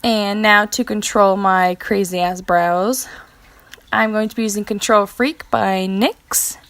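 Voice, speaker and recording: A young woman talks through her makeup routine like she is chatting with a friend. She is casual and informal, slips in fillers, and corrects herself now and then. She has the hiccups, and her voice sits at an ordinary middle pitch. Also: steady tone, takes it slowly, fairly bright tone. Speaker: beauty vlogger. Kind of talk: casual makeup tutorial narration.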